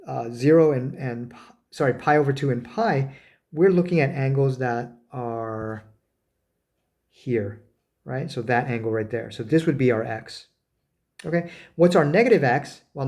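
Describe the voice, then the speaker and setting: A man giving a math lecture, talking as he draws, with many fillers, self-corrections and quick "right?" checks. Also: mid-range voice, a little mellow. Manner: talks while drawing, frequent fillers and self-corrections; rhetorical "right?" checks with students. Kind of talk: recorded lecture at a board.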